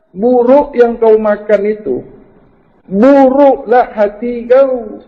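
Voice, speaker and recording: High-pitched man scolding in a sermon. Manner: scolding, rhetorical questions, direct address. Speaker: religious teacher. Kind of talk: fiery sermon. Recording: muffled lo-fi recording in a reverberant hall.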